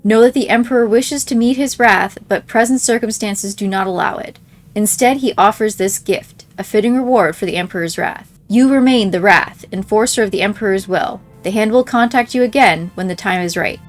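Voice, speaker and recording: A woman who creates game playthroughs reads in-game mail aloud as scripted narration. Her voice is mid-range and her speed normal, with game music playing behind her.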